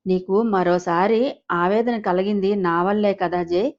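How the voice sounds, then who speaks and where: A woman's voice: lowish voice, fairly even intonation, unhurried, dull audio. A woman voicing the tender, consoling spirit of a departed woman in an audio story. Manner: soft, consoling.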